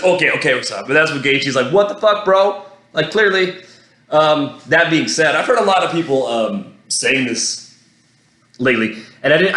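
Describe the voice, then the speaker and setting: A man hosting his own show, recapping a fight in a casual, rambling monologue, excitable and swearing freely, with lots of restarts. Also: medium pitch, roomy sound. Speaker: podcast host.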